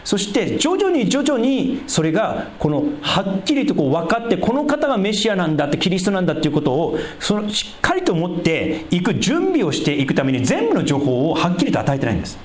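A man preaching a sermon as a pastor, explaining scripture in a conversational way and dropping into a lower voice for asides. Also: huge pitch swings, fairly quick, few pauses, reverberant. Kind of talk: sermon, Bible exposition.

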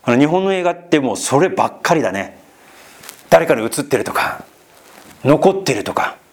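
Preaching an expository sermon on the Bible, a pastor speaks at normal speed in a slightly high voice. His lively delivery rises and falls, and he talks directly to his listeners with questions and asides.

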